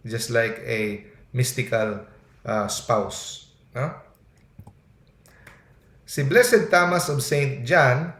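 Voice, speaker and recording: A man's voice: medium pitch, fairly bright tone. A man giving an earnest sermon in mixed Tagalog and English, often tagging his points with a questioning "no?". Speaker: preacher. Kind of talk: Taglish sermon. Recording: echoey room.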